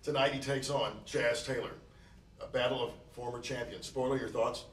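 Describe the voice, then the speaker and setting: A man's voice: mid-range voice, steady tone, moderate pace, roomy sound, distant mic. A man from Texas giving wrestling commentary and introductions amid venue noise. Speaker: wrestling color commentator and interviewer. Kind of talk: sports commentary.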